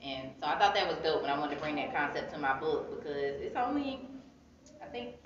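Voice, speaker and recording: An interviewed author, a young American woman, speaks briskly and expressively in a low voice, keeping a casual, reflective tone. Recorded by a phone camera a few feet away as she sits against a wall in an indoor art gallery, the audio is echoey, distant, and dull, with crowd noise behind.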